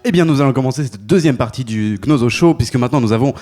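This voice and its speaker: Deadpan man hosting a live stage show. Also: mid-range voice, fast talker, over loud music. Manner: formal, deadpan, half-sung announcements. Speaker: host.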